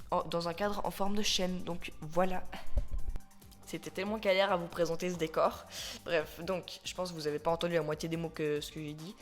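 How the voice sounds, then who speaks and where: A toy reviewer talking casually into a phone camera at home, chatty and rambling, often correcting themselves and dropping English words into the talk. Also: mid-range voice. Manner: mixes English words into French. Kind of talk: casual unboxing-style review. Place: at home with a ring light.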